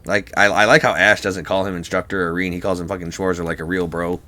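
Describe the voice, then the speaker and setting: A man hosts a game playthrough in a casual, crude and joking way. His voice is bright and forceful, and his swearing comes out emphatic. Faint game music runs underneath. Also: deep voice, little pitch movement, quick pace. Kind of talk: casual gameplay commentary.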